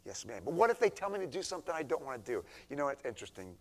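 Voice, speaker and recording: Man preaching, hushed to emphatic. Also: fairly high pitch, sing-song, racing. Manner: conversational, swings from hushed to emphatic. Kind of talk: sermon to teenagers. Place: church.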